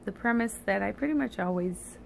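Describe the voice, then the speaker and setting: A tired, sleepy woman gives a halting, meandering confessional monologue, slightly slurred because she has a retainer in her mouth. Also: medium pitch, expressive, vocal fry, a little hiss or hum. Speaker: vlogger.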